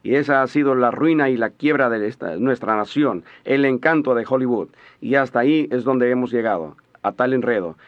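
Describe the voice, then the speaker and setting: A man interpreting a sermon in a steady, measured voice-over. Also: mid-range voice. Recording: dull lo-fi audio.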